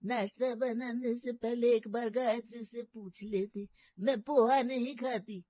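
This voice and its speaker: A woman voicing a stern, fussy old grandmother in a cartoon, speaking slowly and scolding. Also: a little high, fairly even intonation, no room sound. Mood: grumbling. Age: older. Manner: slow, scolding. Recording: dull lo-fi dry recording.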